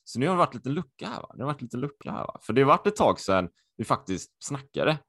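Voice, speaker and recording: A man co-hosting a podcast over a video call, excitable and chatty, repeating himself with lots of fillers. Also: medium pitch, no echo, clean studio sound. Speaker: podcast co-host.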